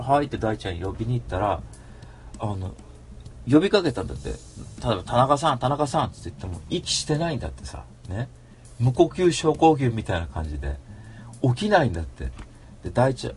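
Running a solo internet radio show, a man with a medium-pitched, darkish voice rambles casually through anecdotes, acting out the people he quotes.

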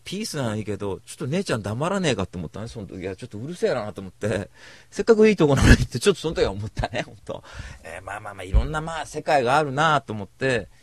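Brief: man, casual talk host, rapid blunt rambling, dry close sound. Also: medium pitch, big pitch swings, no room sound. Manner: blunt, rambling, self-described cynic; slangy rough speech. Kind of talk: casual storytelling monologue.

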